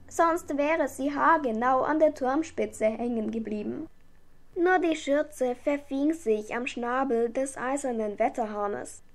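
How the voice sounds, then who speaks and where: A woman reading a children's book aloud as a calm bedtime story. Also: sits high. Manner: calm and gentle. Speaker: audiobook reader.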